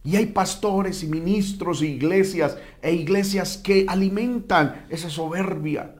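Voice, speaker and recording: Male preacher-teacher, slightly high voice, fervent, halting delivery full of "amen" and "brother". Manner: repeats "amén" and "hermano", stumbles and restarts often; emphatic on key words, drops low and soft on solemn points. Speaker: preacher teaching a Bible class. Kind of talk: sermon-style Bible teaching.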